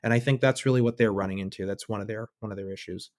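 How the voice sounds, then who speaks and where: A man's voice: lowish voice, steady tone, quick pace, dry recording, studio quality. A man as a guest analyst in a conversational podcast interview, thinking aloud with wry asides. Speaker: guest analyst on militia groups.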